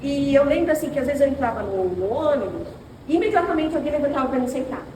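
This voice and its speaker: A middle-aged Brazilian woman leads a women's church class, her high voice moving fast as she tells stories and speaks to her "sisters." She sounds distant from the mic, her voice echoing through a roomy hall over steady background noise. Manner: animated storytelling, addressing listeners as sisters. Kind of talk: informal teaching with personal stories.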